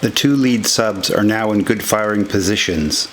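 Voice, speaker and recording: Narrating a historical film from a script, a man speaks at an ordinary pace in a fairly low voice while music runs beneath his words.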